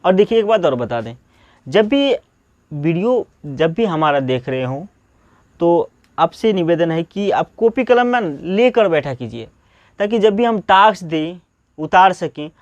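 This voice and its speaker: A man's voice: high voice, sing-song, measured pace, no echo, lo-fi sound. A man teaching English pronunciation, who keeps asking questions and answering them himself. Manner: repetitive question-and-answer drilling, asks then answers himself. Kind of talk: classroom-style spoken lesson.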